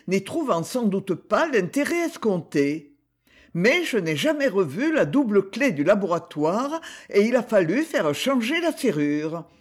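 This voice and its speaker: A man reading a novel aloud, voicing a sharp, suspicious young woman who accuses someone. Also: high-pitched, exaggerated voice.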